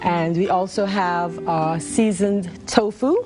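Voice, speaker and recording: A woman's voice: on the low side, fairly even intonation, slow, over music. Cheerful woman cooking teacher guest. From the Bahamas. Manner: cheerful, laughs often, talks with faith. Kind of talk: studio cooking show chat.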